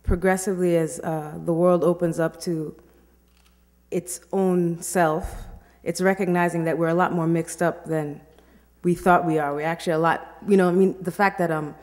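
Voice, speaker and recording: A young woman, born in Kenya and raised in New York, puts an earnest, carefully worded question to a panel. Her voice sits a little low. It rings with the long reverb of a large hall. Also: fairly even intonation, moderate pace, darkish tone. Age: young adult. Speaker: audience member asking a question. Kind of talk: public Q&A question.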